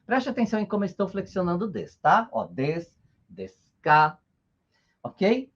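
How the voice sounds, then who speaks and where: A man's voice: sits high, sing-song, normal speed, muffled recording. A man teaching Japanese in an online lesson, patient and checking in often with short tags.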